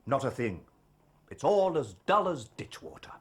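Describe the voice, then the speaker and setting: An actor playing a smug, brisk police inspector in a detective radio play, with a cocky, condescending manner. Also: male voice, medium pitch, very animated, breathy edge. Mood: smug, dismissive. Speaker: actor in an audio drama.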